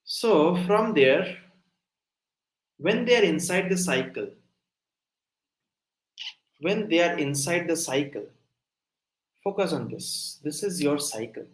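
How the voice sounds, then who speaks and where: Slow and expressive, with long pauses, a young man with a fairly high voice teaches coding in a live online lecture. He explains each step and often asks if people are following, and the audio is rough with a roomy sound.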